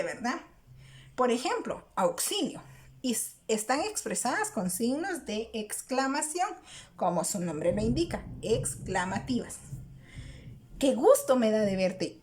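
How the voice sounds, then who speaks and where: A woman teacher patiently explaining a grammar lesson, often checking in with the listener. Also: on the high side. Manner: patient, repeats "¿verdad?" to check understanding.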